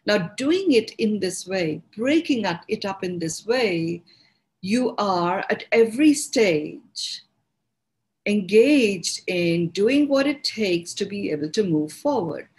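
A woman with an Indian accent hosting a podcast, talking through ideas in an unhurried, reflective way and often restarting words as she finds her phrasing. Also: mid-range voice, expressive, darkish tone, poor audio. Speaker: podcast host and speaker on personal growth. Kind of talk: reflective spoken teaching.

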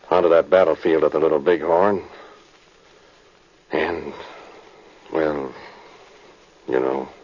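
Deep, husky old frontier sergeant. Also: male voice. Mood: somber, rueful. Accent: American. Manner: plain rustic storytelling, ungrammatical. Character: folksy weary old frontier cavalry sergeant, a dead man. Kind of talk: 1940s radio drama acting. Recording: muffled vintage radio broadcast.

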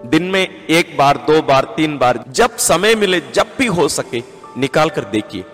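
A man's voice: a little high, expressive, measured pace, fairly bright tone. A man, a priest, giving an earnest sermon-style talk that counts out its points. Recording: long hall reverb with faint music.

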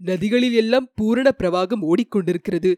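A woman voicing a loyal, devout male chief minister in an audiobook of a historical novel, steady and reverent. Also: medium pitch, fairly quick, no echo, studio quality, lightly acted. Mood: reassuring.

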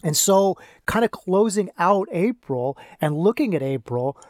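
A man hosting a casual solo podcast, rambling and repeating himself, his speech slightly slurred and soft on lip consonants as if numb from the dentist, with one side of his mouth paralyzed. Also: high voice, expressive, unhurried, no room sound, studio quality. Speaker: podcast host and men's coach.

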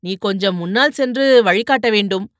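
A woman's voice: mid-range voice, a little fast, a bit bright, dry recording, studio quality, close to an everyday voice. A woman voicing a vain, teasing young male warrior in playful banter, in an audiobook.

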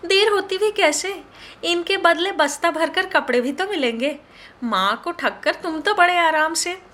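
A woman's voice: sits high, very animated, normal speed, a bit bright, pitched above the performer's own voice. A woman voicing a teasing college-age daughter who mocks her mother playfully. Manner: teasing, giggly.

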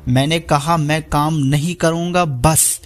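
A man voicing a bitter, desperate young man who speaks harshly and shouts. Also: a little high, steady tone, takes it slowly, faint music behind. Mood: bitter angry.

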